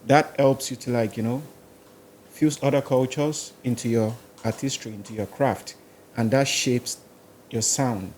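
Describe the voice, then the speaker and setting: A man with a Nigerian accent, a musician guest on a podcast interview, talks in a rambling, casual way, listing places and languages. His medium-pitched voice is a little mellow and measured in pace, with slight background noise.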